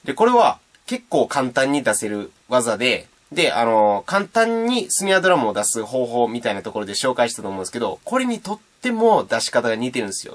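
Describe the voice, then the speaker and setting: A man giving a casual, playful beatbox tutorial and demonstrating sounds as he explains. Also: mid-range voice. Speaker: beatbox teacher.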